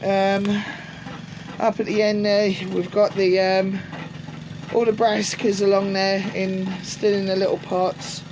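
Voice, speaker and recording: Her throat sore, this woman speaks in a gruff, medium-pitched voice, slow and flat, as she rambles with many ums and restarts through a casual tour of her allotment greenhouse outdoors. She films on a tripod camera, and lawnmowers and traffic are heard behind her.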